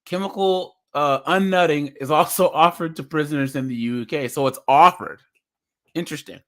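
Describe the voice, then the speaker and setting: A man's voice: on the high side, moderate pace. A young man giving casual reaction commentary as a streamer, chatty, laughing often and restarting his words as he reads.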